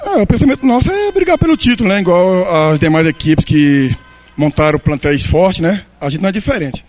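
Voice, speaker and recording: Brazilian male football coach, slightly high voice. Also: very animated, fairly quick, a little mellow. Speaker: football coach being interviewed. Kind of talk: casual interview answer.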